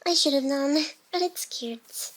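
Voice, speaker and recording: A woman voices a young female AI hacker, playful, wounded and secretly devoted, in an intimate ASMR roleplay. She teases in breathy, halting phrases that often sink into a whisper. Her voice sits high and a bit bright, with a teasing, fond mood.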